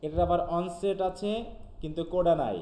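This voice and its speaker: A man's voice: sits high, dark tone. Male teacher quizzing a class, echoey room. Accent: Bangladeshi. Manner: asks students questions, reads English definitions slowly. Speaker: English linguistics teacher. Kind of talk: live class lecture, mixing Bengali and English. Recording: echoey room, faint background noise.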